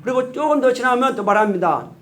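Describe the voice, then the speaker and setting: A man giving a church testimony, telling his story earnestly in slow, deliberate phrases and acting out the dialogue. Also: very high voice, animated, a bit bright.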